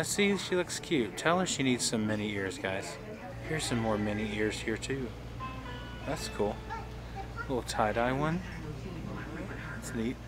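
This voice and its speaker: A man talking casually while filming a walk through a gift shop, pointing things out as he goes. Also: mid-range voice. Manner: chatty, points things out as he films. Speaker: vlogger.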